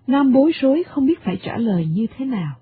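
A woman narrates a radio drama in an expressive storytelling voice that sits a little high. The sound is thin and tinny, like a medium-wave broadcast. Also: fast, a little hiss or hum.

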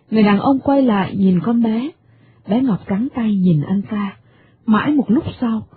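A woman narrating a radio drama expressively, over a tinny medium-wave broadcast. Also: mid-range voice. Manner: expressive storytelling.

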